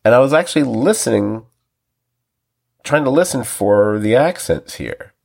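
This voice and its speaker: A man's voice: medium pitch, a little slow, vocal fry. A man co-hosting a TV review podcast, rambling casually with restarts, laughing often and acting out quoted lines. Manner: acts out quoted lines with animated voices. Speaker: podcast co-host.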